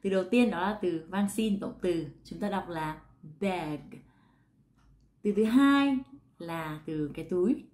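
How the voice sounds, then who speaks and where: A woman with a Vietnamese accent gives a relaxed pronunciation lesson in a somewhat low voice. She repeats each sound slowly and clearly. She turns often to the viewer with questions. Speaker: English pronunciation teacher.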